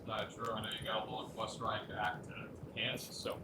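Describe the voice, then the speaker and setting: A man's voice: lowish voice, completely flat delivery, moderate pace. A man working as a reporter, asking long conversational questions in a post-game interview, picked up from a distance in an echoey, noisy room.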